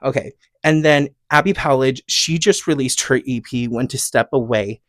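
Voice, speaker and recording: An American man hosts a solo podcast, chatting casually about music recommendations and rants in a gushing, rambling, emphatic way. His voice is mid-range at a normal speed, with no room sound.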